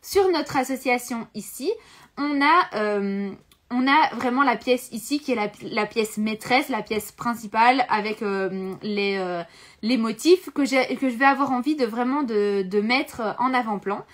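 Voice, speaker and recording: High-voiced chatty woman teaching sewing. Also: unhurried. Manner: chatty and hesitant, speaks straight to viewers. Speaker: sewing instructor hosting a live stream. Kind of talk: live-streamed sewing tutorial. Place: home sewing room.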